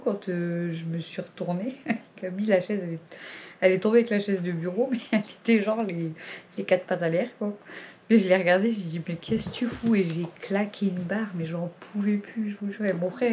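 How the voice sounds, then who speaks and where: A woman's voice: mid-range voice, a little mellow, slight background noise. A woman chatting casually to her vlog viewers at home, rambling and laughing often. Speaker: family vlogger. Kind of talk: casual vlog chat to camera.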